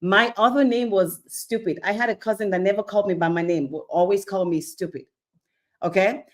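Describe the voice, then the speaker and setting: This Nigerian woman speaks a little fast in a mid-range voice, giving Bible teaching in a sermon style. Animated and dramatic, she stages little scenes, asks rhetorical questions, and keeps confirming with "okay?".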